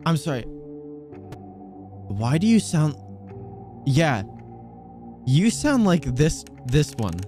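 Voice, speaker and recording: Lively teasing male game streamer. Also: on the high side, slow, pauses often, soft background music. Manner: teasing, joking, laughs a lot. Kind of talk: casual gaming stream chat.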